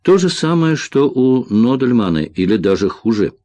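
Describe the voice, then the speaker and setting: A man voicing a brisk, wry male pathologist in an audiobook thriller. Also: mid-range voice, big pitch swings, dark tone, no echo, close to an everyday voice.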